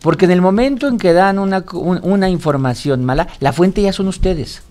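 A man's voice: high voice, normal speed, darkish tone. A man giving direct advice as a guest on a radio panel. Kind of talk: casual panel discussion.

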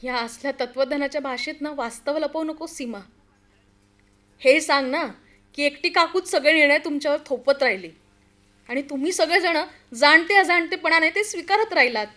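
An actress in an old-style radio play as a concerned young friend, earnest and pressing in a dramatic way. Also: female voice, sits high, moderate pace, pushed and bright. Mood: reproachful. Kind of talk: radio play acting, old radio show manner.

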